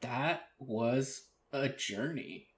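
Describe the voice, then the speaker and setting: A man's voice: mid-range voice, extremely slow. A man co-hosting a podcast, chatting casually and rambling with many fillers. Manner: rambling, reactive, filler-heavy. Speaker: podcast co-host. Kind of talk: casual chat.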